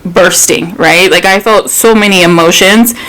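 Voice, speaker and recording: A woman's voice: on the low side, a little slow, a bit bright, poor audio. A woman in her thirties co-hosting a podcast, telling a personal story in casual chat, candid and swearing freely. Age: 30s. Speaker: podcast co-host.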